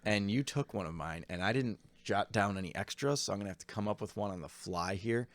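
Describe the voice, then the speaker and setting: A man co-hosting a casual podcast chat, playful and quick to react. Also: lowish voice. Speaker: podcast co-host.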